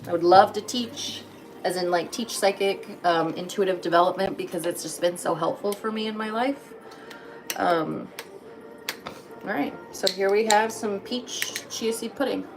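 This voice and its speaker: A woman's voice: mid-range voice, moderate pace, music in the background. A woman in her thirties chatting casually on a livestream from her home kitchen, greeting viewers by name. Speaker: livestream host. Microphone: phone.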